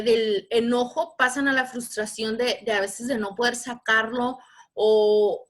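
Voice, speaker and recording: A woman's voice: a little high, a bit bright. A woman with a Mexican Spanish accent leading a live online workshop over a video call, talking patiently and putting questions to her audience. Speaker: workshop facilitator.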